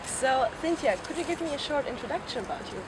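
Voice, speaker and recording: A woman's voice: high-pitched, lively intonation, fast. A woman interviewer asking polite, structured questions on a university campus. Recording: clear background noise.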